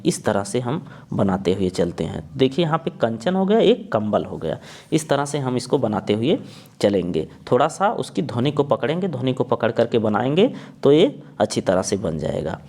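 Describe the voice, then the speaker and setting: A man's voice: mid-range voice, a little mellow. A young man teaching a spelling lesson, sounding out words and spelling them letter by letter. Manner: spells out letters one by one, repeats words slowly.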